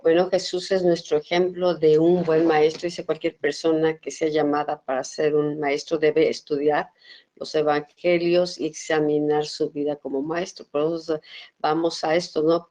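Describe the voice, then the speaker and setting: Female bible co-teacher, lower voice, conversational explanatory delivery. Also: level tone, normal speed, dark tone. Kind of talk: church teaching lecture.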